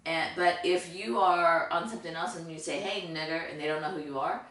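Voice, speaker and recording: A woman co-hosts a relaxed talk, walking through her points with examples and chiming in to agree. Her voice is on the low side and sounds set back from the mic in a reverberant room, with a faint hiss behind it. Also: fairly quick. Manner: explaining with examples, affirming. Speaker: co-host. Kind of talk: casual discussion. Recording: distant echoey room with faint noise.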